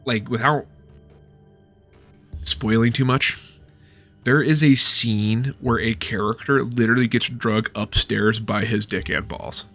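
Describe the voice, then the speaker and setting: A man's voice: mid-range voice, steady tone, unhurried, creaky, long pauses, a bit bright, soft background music. A man in his thirties giving a loose, rambling book review at home, swearing freely.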